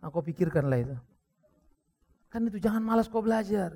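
Indonesian guy preaching, high voice that jumps all over, bit of gravel in it. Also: brisk. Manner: lively preaching with jokes, acted quotes and sudden shouts. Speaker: pastor. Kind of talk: sermon.

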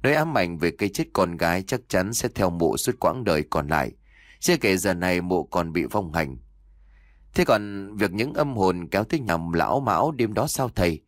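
Brief: man playing a young male disciple, curious and questioning, low voice. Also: expressive, moderate pace, dry recording, studio quality.

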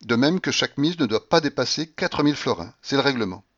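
A man's voice: mid-range voice, expressive, brisk, a bit bright, muffled recording. A man reading a novel aloud, voicing a polite, formal male casino croupier making his calls.

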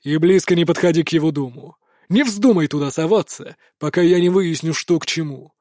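A man's voice: fairly high pitch, fairly quick, mellow, no room sound, studio quality, lightly acted. A man voicing a stern, domineering middle-aged prince scolding his son, harsh and barking. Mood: angry.

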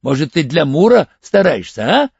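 A sly, wary older male crook, as an audiobook reader puts him on bargains in a hoarse, cagey voice. The pitch moves around freely, and the recording sounds muffled and dry. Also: big pitch swings, moderate pace, a little mellow, no room sound, heavily acted. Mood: cagey, bargaining.

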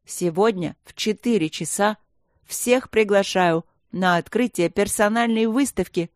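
A woman's voice: mid-range voice, unhurried, no room sound, clean studio sound, voice pushed up, close to an everyday voice. Woman voicing a pompous schoolboy artist. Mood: lofty. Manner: lofty, indignant, theatrical. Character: proud dramatic schoolboy artist.

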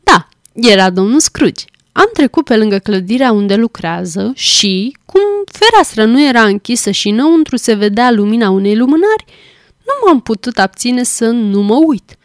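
A kindly father chatting gently with his wife , as a woman reads him, slightly high in pitch. Dry, close storybook narration. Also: expressive, no echo, natural voice. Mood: gentle.

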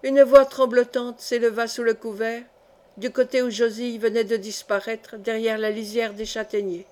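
Woman audiobook narrator, measured and even, somewhat higher voice. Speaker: audiobook reader. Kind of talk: scripted narration of a historical novel.

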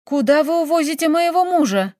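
Женщина играет отчаянную юную графиню. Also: female voice, high-pitched, lively intonation, brisk, mellow, no room sound, clean studio sound, pitched above the performer's own voice. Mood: desperate. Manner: pleading, rising to cries. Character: distraught young countess, newly widowed.

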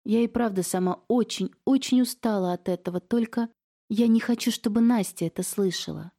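A woman voicing a flustered middle-aged aunt who is evasive and frightened, talking in a high, strained voice. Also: normal speed, dark tone, natural voice. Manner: chattering falsely cheerful, then tearful and pleading.

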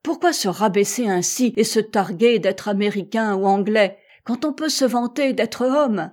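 A woman reading an audiobook voices a kindly, emotional male ship's doctor who speaks with effusive, tearful warmth. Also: mid-range voice, moderate pace, lightly acted. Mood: tearful joy.

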